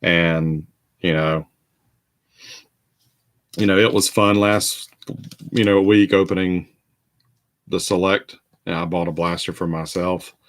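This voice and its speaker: A man's voice: sits low, fairly even intonation, takes it slowly, long pauses. A tired middle-aged man, hosting a casual live card-break stream and rambling with lots of fillers and restarts. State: tired, yawning. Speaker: host of a group card break.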